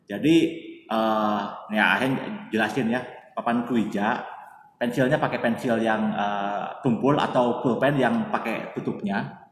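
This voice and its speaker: A man with a lowish voice speaks a little slowly, chatting as a guest in a casual interview while telling a story. He refers to himself by his own name and uses lots of fillers. The recording sounds distant and echoey, with faint background noise.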